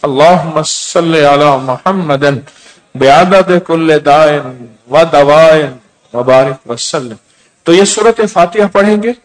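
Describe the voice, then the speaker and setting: Male preacher, high-pitched, leads group recitation; fervent, repetitive urging, slow chanted verses. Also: low-quality recording. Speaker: spiritual leader guiding group recitation. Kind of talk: sermon with guided prayer recitation.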